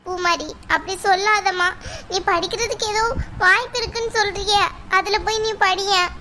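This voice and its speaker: A woman's voice: very high-pitched, steady tone, normal speed, sharp tone, a little hiss or hum. A woman voicing a grieving middle-aged village mother who laments and blames herself, in a cartoon. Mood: pleading. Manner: lamenting, plaintive. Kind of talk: cartoon voice acting.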